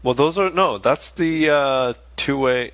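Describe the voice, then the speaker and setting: A man co-hosting a casual late-night podcast chat, rambling through stories with halting restarts. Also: medium pitch, a bit bright. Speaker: podcast co-host.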